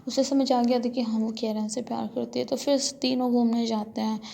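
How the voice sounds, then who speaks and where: A young woman tells a story in a relaxed, talky way, full of fillers. Her voice sits a little high and has a gravelly, creaky edge, and her pitch stays flat. She records alone in a room with outside noises coming in. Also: brisk, a little hiss or hum. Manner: chatty retelling, filler-heavy, quotes lines in her own voice. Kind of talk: casual spoken storytelling.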